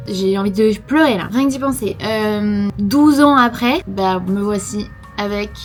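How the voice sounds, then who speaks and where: A woman's voice: mid-range voice, unhurried, faint music behind. A woman in her twenties from France with a French accent and a slight lisp, chatting casually and emphatically in a self-deprecating, talkative vlog style. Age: 20s. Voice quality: slight lisp from dental aligners. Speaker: lifestyle vlogger.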